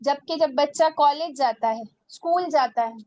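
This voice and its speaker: High-voiced earnest woman teacher, lo-fi. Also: moderate pace, darkish tone. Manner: earnest, exhorting. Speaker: Quran recitation teacher. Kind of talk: religious class talk.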